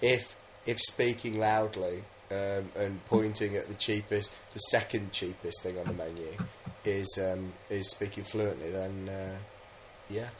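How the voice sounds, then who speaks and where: Jokey Englishman with a lowish voice. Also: steady tone, a little slow, a bit bright, slight background noise. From England. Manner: jokey, rambling, with many fillers. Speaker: podcast co-host. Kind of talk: casual chat.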